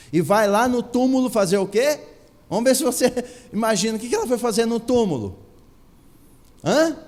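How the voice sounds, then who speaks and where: A man's voice: very high voice, darkish tone. A man preaching a sermon with a Brazilian Portuguese accent, emphatic, asking rhetorical questions and repeating phrases for effect. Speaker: pastor. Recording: long hall reverb.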